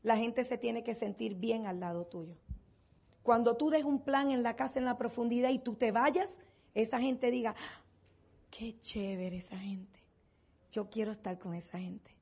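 A woman's voice: a little high, vocal fry, slightly rough. An older woman giving a motivational seminar talk to a business audience. She asks rhetorical questions and then answers them herself.

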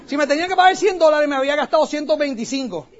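A man from Puerto Rico with a Puerto Rican accent, giving an animated storytelling talk to an audience as a motivational speaker. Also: very high voice, rapid-fire, some chatter behind. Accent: Puerto Rican Spanish. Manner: animated, acts out quoted voices. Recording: dull lo-fi recording.

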